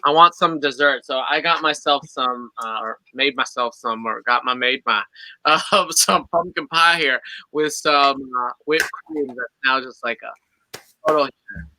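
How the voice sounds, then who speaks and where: A man's voice: mid-range voice, unhurried, pushed and bright, poor audio. A man hosting a casual online show, asking upbeat questions and laughing easily. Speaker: host. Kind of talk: casual chat.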